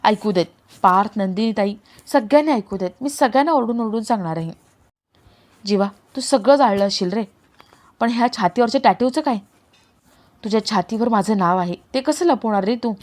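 A woman's voice: medium pitch, lively intonation, moderate pace, darkish tone, natural voice. A woman reading a heartbroken, defiant young woman's lines in a serial recap, emotional and insistent. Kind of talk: dramatic read-aloud of serial dialogue.

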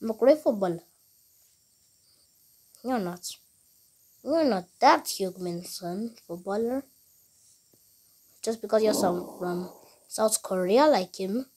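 A woman chatting casually over a game, rambling and repeating herself with halting restarts. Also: mid-range voice, lively intonation, darkish tone, slightly rough.

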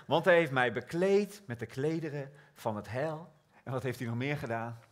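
A man preaching a sermon, slow and prayerful, rising to loud emphatic scripture reading. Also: medium pitch, slight background noise.

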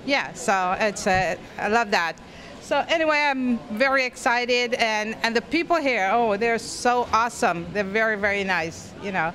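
A woman's voice: on the high side, normal speed, fairly bright tone. A middle-aged woman from Guyana, giving a chatty, rambling red-carpet interview into a handheld mic at an indoor event. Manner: chatty and effusive, rambling with restarts. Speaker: interviewee, festival volunteer. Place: indoor event in front of a step-and-repeat banner.

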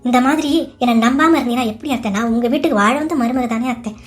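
A woman's voice: fairly high pitch, fast, natural voice. A woman voicing a pleading young daughter-in-law. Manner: pleading, whiny, defensive. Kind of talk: cartoon voice acting.

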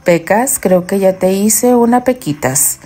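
A woman's voice: mid-range voice, animated, unhurried, mellow, soft background music. Woman voicing Terry, a teasing young husband. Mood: playful. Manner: teasing, affectionate.

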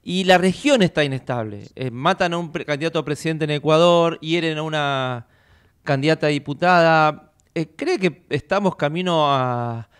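A man's voice: on the high side, normal speed, clean tone. A middle-aged man hosting a radio interview over a video call, asking long questions with many fillers. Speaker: radio host.

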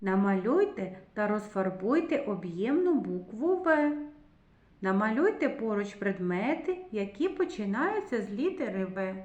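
A woman teaching a literacy lesson to preschool children in a slow, clear, sing-song teacher's voice. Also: medium pitch, sing-song, darkish tone, echoey room, muffled recording.

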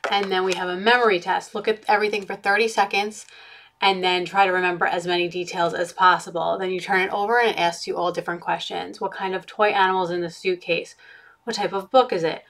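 A woman's voice: on the low side, flat delivery, fast, fairly bright tone. A young woman reviewing children's activity cards from her home playroom, chatty and friendly, with fillers as she shows each card to the webcam. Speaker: book consultant. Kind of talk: product review.

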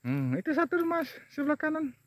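Strolling outdoors through oil palm trees, a vlogger chats loosely, humming constantly and lingering slowly over repeated words. His voice is very high-pitched with huge swings in pitch, and there's no echo.

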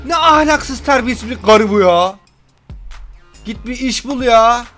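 A young man commentating a game he is playing, excitable, joking and yelling at what happens on screen. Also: very high-pitched, unhurried, faint music behind. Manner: excitable, yells and jokes at the game. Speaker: gameplay commentator. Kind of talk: gameplay commentary.

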